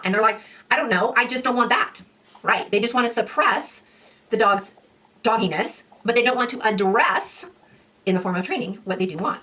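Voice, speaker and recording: A woman dog trainer giving a casual lesson, lively, acting out owners and dogs in quick quoted voices. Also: on the high side, distant mic. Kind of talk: casual instructional talk.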